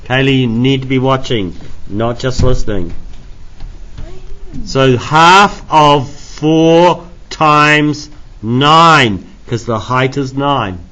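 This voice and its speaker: A man teaches a maths class step by step to his students in an informal, jokey, self-deprecating manner, coughing often between phrases. His mid-range voice has a sharp tone and a slow pace, and the recording is rough.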